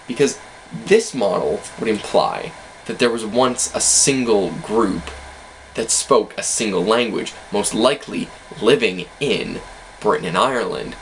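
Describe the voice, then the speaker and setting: A man's voice: fairly low pitch, fairly bright tone, slight background noise, low-quality recording. A man casually explaining language facts in an educational video, hedging with self-deprecating asides.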